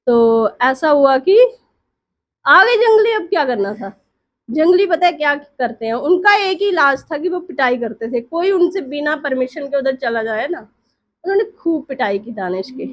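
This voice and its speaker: High-voiced woman telling a casual story. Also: lo-fi sound. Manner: chatty, keeps checking in with listeners.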